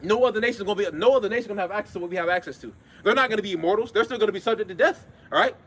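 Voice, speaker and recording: A man delivers an informal sermon in a high voice, talking quickly. He is blunt and swears often. He drives home his points with emphatic repetition and constant check-ins with his listeners. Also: a bit bright, a little hiss or hum. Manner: blunt street talk with frequent swearing. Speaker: preacher. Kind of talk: informal sermon with scripture readings.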